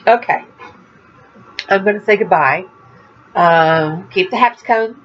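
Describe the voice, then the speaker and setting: An older Florida woman who vlogs about crochet chats casually to the camera, rambling a little and laughing at herself. Her mid-range voice is unhurried, with a stuffy nose and a slight cough, and the audio is dull with a little hiss or hum.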